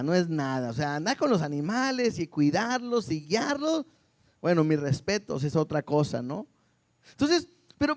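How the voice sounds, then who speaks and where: A male preacher delivers a Sunday sermon to his congregation. His voice sits unusually high for a man. He keeps it lively, firing question after question at the people in front of him. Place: church service before a congregation.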